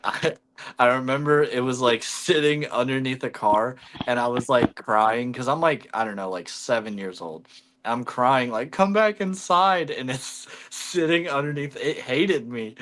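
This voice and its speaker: A man's voice: medium pitch, fairly bright tone. A man hosting a casual livestream chat, telling rambling stories and swearing freely. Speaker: livestream host.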